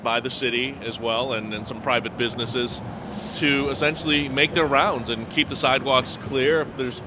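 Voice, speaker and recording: A man's voice: mid-range voice, steady tone, moderate pace. A man giving emphatic, indignant political commentary outdoors during a street interview. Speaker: local commentator. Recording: loud street and traffic noise.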